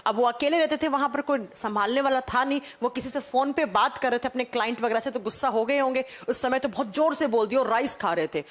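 A woman's voice: a little high, fast, few pauses. A woman teacher giving a class to children. She explains step by step and asks questions, then answers them herself. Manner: addresses students as children. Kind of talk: live online class lecture.

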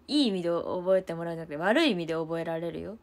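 A woman's voice: on the low side, sing-song, moderate pace. A young woman with a chatting casually to fans on a livestream, giggling often.

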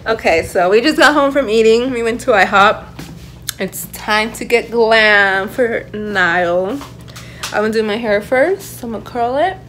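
A young woman talking straight to her handheld camera in a casual vlog, rambling in a nervous, excited way with lots of "like"s. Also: a little high, measured pace, a little hiss or hum. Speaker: vlogger.

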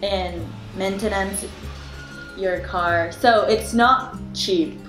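A woman's voice: medium pitch, extremely slow, a bit bright. A young woman from Japan with a Japanese accent, speaking careful English with restarts as she talks about student life. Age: young adult. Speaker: dance student. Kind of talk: casual documentary talk. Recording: echoey, with music underneath.

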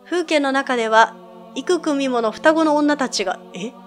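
A game streamer reads the story text aloud and adds casual remarks. Her voice is a little high. Faint game music plays underneath. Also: normal speed. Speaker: let's play streamer. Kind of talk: reading a game aloud with commentary.

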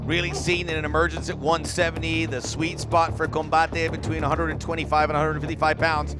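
Guy calling a fight as lead commentator, pretty high voice, music behind him. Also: level tone, a little fast. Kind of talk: live sports commentary.

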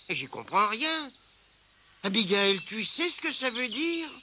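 A man voicing an excitable young male storybook hero, eager and quick to cry out. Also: high-pitched, noisy background, voice pushed up. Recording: music playing behind.

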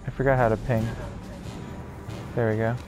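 A man's voice: mid-range voice, level tone, normal speed. A man chatting casually and swearing while playing an online co-op game with a teammate. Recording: game audio and music behind.

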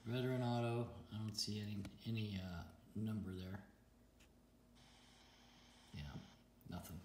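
A man's voice: on the low side, unhurried, darkish tone. A man hosting a casual card unboxing, reading out each card and laughing often. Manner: chatty, laughs often, reads out card names. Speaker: card-opening channel host. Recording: roomy echo with faint noise.

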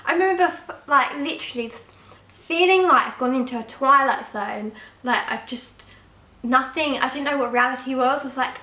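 A young woman telling a personal story in a casual vlog, frank and expressive, swearing now and then. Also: high voice, normal speed. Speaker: vlogger. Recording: roomy, mic at a distance.

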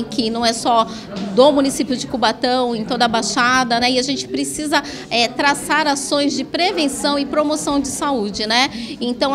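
A middle-aged woman, a health worker, explaining a program in an interview in a classroom, often ending with a questioning tag. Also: high voice. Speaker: health worker giving a talk. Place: classroom with projector.

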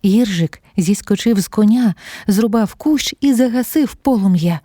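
A woman narrating a fairy tale audiobook with calm, gently expressive storytelling. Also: mid-range voice, unhurried, no echo, studio quality.

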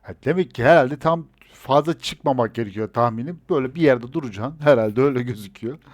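Quick-paced and medium in pitch, this male streamer mutters casual game commentary under his breath, now and then erupting in frustrated swearing while gunfire from the game rings out.

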